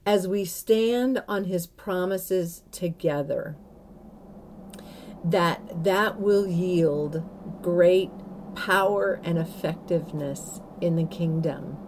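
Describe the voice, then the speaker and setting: A woman hosting a prayer series, speaking in an earnest, unhurried way with soft pauses and small restarts. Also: fairly low pitch, slight background noise. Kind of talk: slow, gentle spoken introduction.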